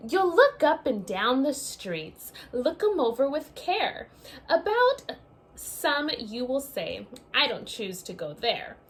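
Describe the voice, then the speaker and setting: A woman teacher reads a picture book aloud to young children, addressing them directly in an expressive, sing-song storybook style. Her voice sits high and her pace is slow, with a little hiss or hum on the recording.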